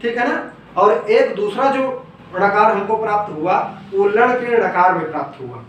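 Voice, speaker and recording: A man with a high voice teaches grammar step by step, putting a question to his listeners and then answering it himself. He stands back from the mic in a strongly echoing room, with a faint hiss underneath. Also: animated, unhurried, fairly bright tone, lo-fi sound. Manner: asks questions and then answers them himself, repeating key terms. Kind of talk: explaining grammar rules step by step. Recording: echoey room, voice from some distance off the mic, faint noise.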